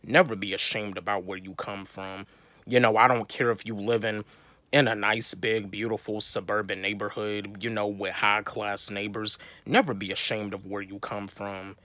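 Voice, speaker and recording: Young guy from north carolina doing a motivational vlog, lowish voice, dry close sound, lots of "you know, like". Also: level tone, normal speed, sharp tone, dry recording. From North Carolina, USA. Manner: rambling, repetitive, many fillers and restarts. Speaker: vlogger. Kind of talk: motivational talk to camera.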